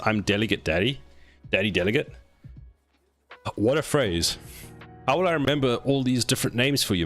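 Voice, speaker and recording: A man with a fairly low voice talks casually on a live stream as he builds a game, coaxing and scolding his code like a misbehaving pet. His delivery is loose and playful. Soft music runs quietly behind him. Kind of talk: casual live-stream chat while coding.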